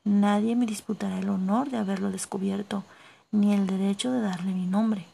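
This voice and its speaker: Woman whispering as a calm, proud old explorer. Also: mid-range voice, normal speed, gravelly, slight background noise. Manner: soothing, then grandly proud. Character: calm, proud older male explorer uncle.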